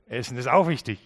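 A man preaching a sermon to a congregation, emphatic, dropping to quiet low asides and repeating key phrases for weight. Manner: emphatic, swings between loud stresses and quiet low asides. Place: church service with an audience.

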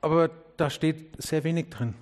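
A man delivers a sermon to his congregation, his voice sitting a little higher than most. He speaks earnestly, putting questions straight to his listeners. He sinks low and soft on key words and lifts his voice when he urges them on. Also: moderate pace. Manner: drops low and quiet on key words, rises when urging. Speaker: pastor.

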